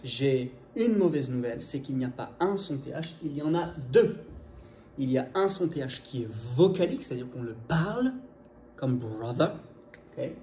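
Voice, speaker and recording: A man giving an energetic video lesson, talking fast and straight to the viewer as an English teacher. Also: mid-range voice, reverberant. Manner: lively, fast, direct to viewer.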